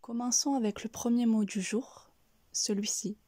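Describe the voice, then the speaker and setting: A woman giving a careful pronunciation lesson, breaking each word into syllables in a soft, breathy delivery. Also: on the high side, steady tone, moderate pace, no echo. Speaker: French pronunciation teacher.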